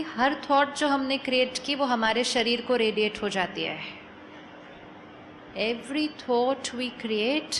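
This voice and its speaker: A woman giving a calm, persuasive spiritual talk to a live audience, often asking questions and mixing in English phrases. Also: a little high, a little hiss or hum. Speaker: spiritual speaker.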